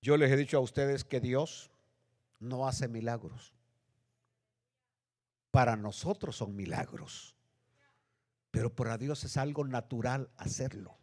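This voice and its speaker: A male pastor preaching a sermon with dramatic swings between loud, high bursts and low, hushed lines. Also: unhurried, pauses often. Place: church sanctuary. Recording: long reverb of a church hall.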